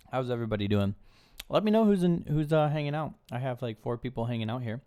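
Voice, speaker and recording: A man's voice: medium pitch, mellow, lo-fi sound. Chatty young man live-streaming. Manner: loose, rambling, chatty with viewers. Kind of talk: casual live-stream chat. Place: indoors at a table, eating snacks.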